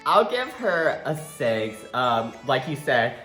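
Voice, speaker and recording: A man's voice: medium pitch, big pitch swings, slow pace, sharp tone. Campy guy chatting thru a review, sassy n slangy, echoey room w music. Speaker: co-host of drag show review. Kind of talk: casual chat, video review. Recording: roomy echo with music behind.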